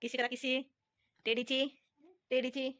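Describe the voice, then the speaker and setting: Woman cooing at her toddler at home, super high sing-song baby talk, bright and ringing. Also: level tone, measured pace. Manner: sing-song, coaxing, repetitive. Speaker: vlogger and mother.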